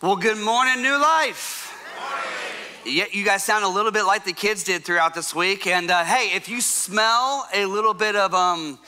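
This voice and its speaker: Bright, high-voiced upbeat man pastor. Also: normal speed. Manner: upbeat, chatty with fillers. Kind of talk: sermon. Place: church sanctuary.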